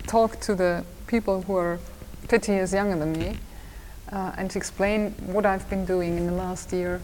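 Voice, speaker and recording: A woman in her fifties with an Austrian accent, a designer and design teacher, answers interview questions conversationally. Her mid-range voice is a little mellow, and she hesitates, restarting and repeating words often. The room is reverberant, with a faint hum in the background.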